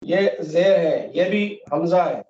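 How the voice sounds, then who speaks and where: A man's voice: fairly high pitch, lively intonation, a little mellow. A man teaching an online Quran reading class, patiently quizzing students and repeating examples. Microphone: video call. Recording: roomy, dull online call audio.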